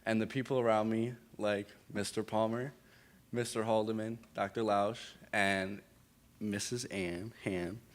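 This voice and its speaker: A man's voice: on the low side, fairly even intonation, a little slow. A young man graduating, giving a short, plain and sincere thank-you speech.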